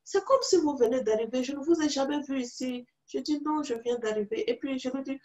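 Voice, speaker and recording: A woman's voice: high voice, fairly quick. A woman from Africa telling her own story as a preacher, acting out the dialogue of the people in it. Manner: animated storytelling, acts out dialogue with others in the story. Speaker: preacher and teacher. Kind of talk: testimony in a teaching video.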